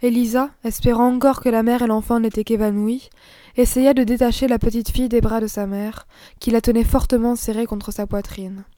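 A woman's voice: a little high, no echo. Woman narrating a classic story, dry. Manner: measured, expressive reading. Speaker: audiobook narrator. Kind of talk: scripted narration.

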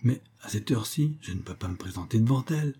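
A man's voice: mid-range voice, expressive, fast talker, mellow, breathy edge. A man reading aloud and voicing a timid young man who speaks in a hesitant, apologetic way.

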